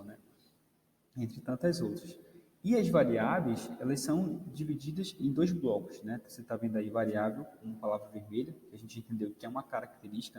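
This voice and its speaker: A man's voice: mid-range voice, dark tone, slight background noise. Man lecturing in a reverberant room. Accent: Brazilian Portuguese. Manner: explanatory, many fillers like "né" and "ok". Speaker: teacher. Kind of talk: recorded lecture. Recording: roomy reverb, faint ambience.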